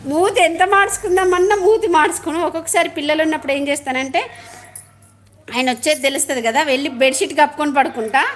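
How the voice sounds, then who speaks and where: A woman's voice: high-pitched, quick pace. A middle-aged woman, chatting casually on a live stream, laughing often and greeting viewers.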